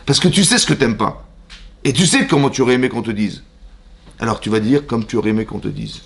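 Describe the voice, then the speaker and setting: A man, a rabbi, giving a lively class to his congregation. He fires rhetorical questions at the listeners, acts out both sides of imagined conversations and drops Hebrew religious terms into his French. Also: mid-range voice, fairly quick, gravelly. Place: synagogue classroom.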